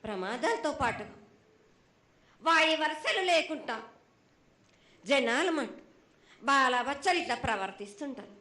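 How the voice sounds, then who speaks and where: A woman with a Telangana Telugu accent speaking as an oracle in a prophetic trance voice, pronouncing as an angry mother goddess in halting, repetitive phrases. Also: high-pitched, very animated, sharp tone. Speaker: oracle at a temple festival. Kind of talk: oracular pronouncement. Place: festival ritual before an audience. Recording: echoey live festival sound.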